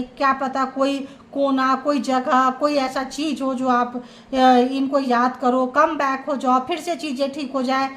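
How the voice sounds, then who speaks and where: A woman giving a tarot reading to her viewers. She talks with emphasis and lists feelings in short repeated phrases. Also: high-pitched. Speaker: tarot reader.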